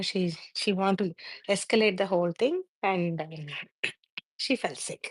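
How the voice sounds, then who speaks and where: A woman's voice: on the low side, no echo. A woman giving an emphatic, opinionated review of a reality show in a live audio chat, switching languages mid-sentence.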